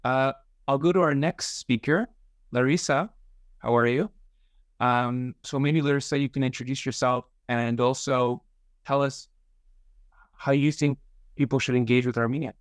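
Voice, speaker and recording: A male webinar moderator hands over to the next speaker. His voice is smooth and clear but halting. The recording is dry and close. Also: mid-range voice, fairly even intonation, no room sound. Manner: hesitant, halting. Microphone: video call.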